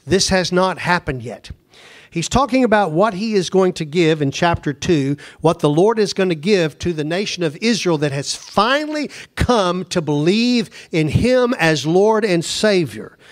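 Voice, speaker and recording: A pastor preaching a conversational sermon, slowing down to stress words and then rushing ahead. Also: male voice, high voice. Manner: conversational preaching, speeds up and slows down for emphasis.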